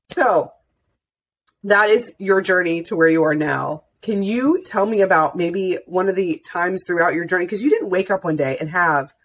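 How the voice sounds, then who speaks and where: A young woman hosts a podcast, talking earnestly and with feeling, looping back over her own sentences. Her voice is a little low and husky. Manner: earnest and emotional, talks in looping restarts. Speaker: podcast host. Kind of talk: casual interview chat.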